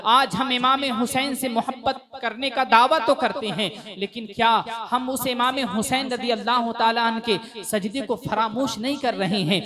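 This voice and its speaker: A man preaches a fervent sermon at a religious gathering, calling out to his listeners again and again. His voice sits high for a man. A crowd of listeners can be heard clearly around him. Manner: fervent, rhetorical, repeated invocations. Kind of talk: impassioned sermon.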